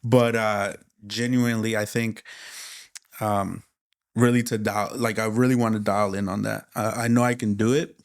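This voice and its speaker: A man co-hosting a podcast, talking in a relaxed, candid way and laughing easily. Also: fairly low pitch, normal speed. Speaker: podcast co-host. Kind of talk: casual podcast chat.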